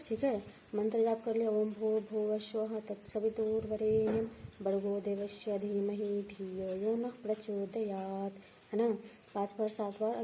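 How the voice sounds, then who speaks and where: On poor audio with some hiss or hum, a woman with a high but darkish-toned voice gives devotional instructions. An astrology and vastu teacher, she patiently repeats each step of the ritual and keeps checking in with the people watching.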